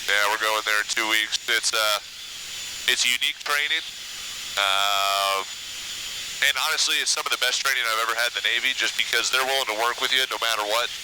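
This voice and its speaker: A man talks through an oxygen mask radio as he pilots a jet. His pitch is average and his delivery is casual and conversational. A clear hiss of aircraft noise runs behind him. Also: a little fast. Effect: oxygen mask radio intercom. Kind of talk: casual in-flight chat. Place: in a jet cockpit in flight. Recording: loud aircraft hiss over cockpit intercom.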